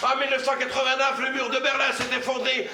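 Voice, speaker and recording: Talking fast at an extremely high pitch with little pitch movement, an actor plays a windbag charity volunteer in stage comedy. He stammers, says things over and over and lectures in slogans, all insistent chatter, recorded in an echoey theatre hall with background noise.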